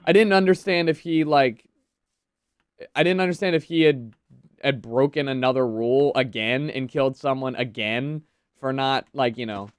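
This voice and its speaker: A man's voice: mid-range voice, fairly even intonation, normal speed, smooth, dry recording, clean studio sound. A man streaming a game, chatting casually with friends and making teasing jokes. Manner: joking, teasing. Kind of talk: casual gaming chat.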